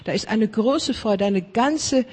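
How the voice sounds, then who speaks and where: Husky high-voiced man praying fervently. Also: slow, a little mellow. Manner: fervent, repetitive chanting of blessings; drops into whispers at times. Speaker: preacher. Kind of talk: charismatic prayer ministry.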